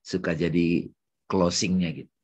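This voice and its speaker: A man leading a reflective spiritual study talk, shifting between hushed musing and emphatic phrases. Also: low-pitched, level tone, moderate pace. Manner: swings from hushed musing to loud chanted takbir. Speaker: speaker in religious study session.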